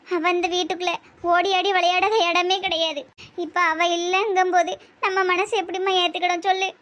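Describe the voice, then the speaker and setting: A high-voiced weeping cartoon mother. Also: flat delivery, a little fast, fairly bright tone. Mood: mournful. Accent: Tirunelveli Tamil. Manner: mournful, lamenting. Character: tearful grieving middle-aged mother. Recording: dull lo-fi sound.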